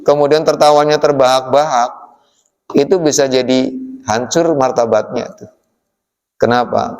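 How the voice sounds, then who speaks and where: A man giving a relaxed study-circle sermon in a mosque, speaking with a tinge, often tagging his lines with "ya" and addressing the men as "Pak". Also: medium pitch. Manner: folksy, addresses the audience as "Pak", frequent "ya" tags. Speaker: preacher. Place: mosque hall. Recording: long hall reverb from a mosque.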